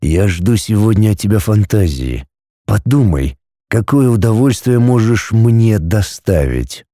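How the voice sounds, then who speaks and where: A domineering dragon lord, as a male reader voices him in a storybook, speaking in curt, commanding lines. His tone is dark and mellow, and his pitch moves freely. The sound is dry and close. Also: lively intonation, unhurried, no room sound.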